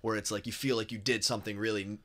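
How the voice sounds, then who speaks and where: A man co-hosting a casual podcast rattles on about games at a quick clip, often stumbling and restarting mid-sentence. His voice sits a little low, with a bright, forward edge. He swears freely and sounds eager. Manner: fast, excitable, trails off and restarts, swears. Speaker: podcast co-host. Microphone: podcast microphone.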